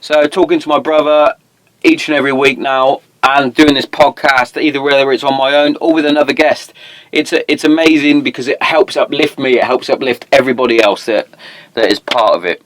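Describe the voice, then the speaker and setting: A man's voice: mid-range voice, fairly even intonation, a little fast, fairly bright tone, rough recording. A British man hosting a podcast, chatting casually in a matey, sweary, slangy way. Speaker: podcast host. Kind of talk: casual chat.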